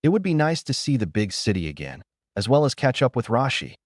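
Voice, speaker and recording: A man voicing a kindly old grandfather who talks in a gentle, reassuring way in a storybook reading. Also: medium pitch, very animated, brisk, no echo, clean studio sound, voice pushed up. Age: older.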